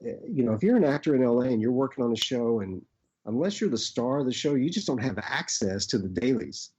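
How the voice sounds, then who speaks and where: A middle-aged man with an Arkansas accent, casually reminiscing as an interview guest in a rambling, halting way. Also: mid-range voice, animated, a little mellow, slight background noise. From Arkansas, United States. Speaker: actor, podcast guest. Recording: dull, lo-fi audio.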